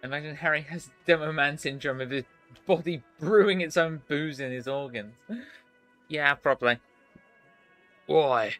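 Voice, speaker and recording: A man streams a video game, chatting in asides between lines. His voice is bright and slightly raised, with soft music underneath. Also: a little high, normal speed, pauses often. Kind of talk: casual game-stream commentary.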